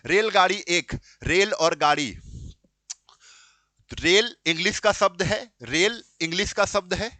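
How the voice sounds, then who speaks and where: A man's voice: a little high, pushed and bright, no room sound. A male teacher giving an exam-prep lesson, asking the students questions and answering them himself, repeating the key terms and calling them bachche and beta. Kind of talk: classroom lecture.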